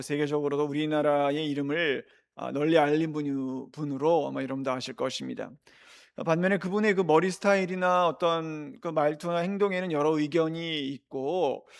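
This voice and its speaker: A man preaching a midweek sermon in a church, conversational and lively, acting out the exclamations he quotes. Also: sits high. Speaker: pastor.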